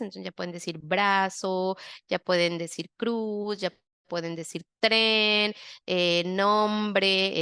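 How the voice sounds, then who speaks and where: A woman's voice: medium pitch, a bit bright, clean tone, no room sound, clean studio sound. A woman language therapist, giving a step-by-step masterclass and often checking in with her listeners. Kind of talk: explanatory masterclass.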